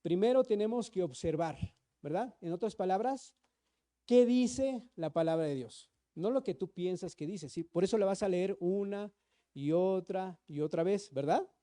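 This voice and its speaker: A male preacher, his voice pitched high yet dark and mellow in tone. He teaches in a sermon, checking in with the congregation through frequent questions and slowing down to read scripture with care. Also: animated. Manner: keeps asking the congregation questions; reads scripture slowly and deliberately. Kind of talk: sermon, teaching Bible study. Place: church, streamed live.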